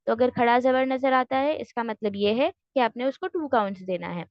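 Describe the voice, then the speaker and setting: A woman with a high voice leads an online lesson, explaining each point patiently and step by step. Her speech is dry and close, with dull, muffled lo-fi audio. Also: moderate pace, no echo. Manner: patient, explains step by step, mixes English terms. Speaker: Tajweed teacher. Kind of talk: online class lecture.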